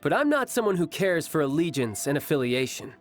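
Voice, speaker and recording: An actor playing a calm, proud young warrior who loves battle, in a video game, with music behind. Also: male voice, fairly high pitch, fairly quick. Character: bold battle-loving young male warrior.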